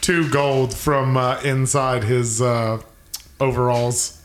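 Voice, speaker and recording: A man narrating a tabletop game as game master, improvising in a halting, hesitant way. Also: mid-range voice, level tone. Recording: roomy, with background noise.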